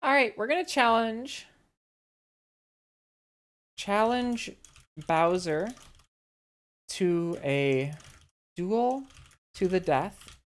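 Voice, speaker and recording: A woman streamer reading her typed commands for a text adventure game aloud in a blunt, deadpan way. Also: medium pitch, very slow, pauses often. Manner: blunt and deadpan, with bursts of laughter.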